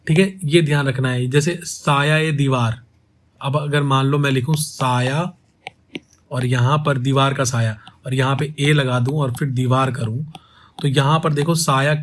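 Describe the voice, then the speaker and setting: A man teaching poetic meter, asking his students rhetorical questions and saying each word slowly to show how it is pronounced. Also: mid-range voice, fairly even intonation, slight background noise. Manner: asks rhetorical questions and repeats words slowly to show pronunciation. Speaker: poetry teacher. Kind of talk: explaining step by step to students.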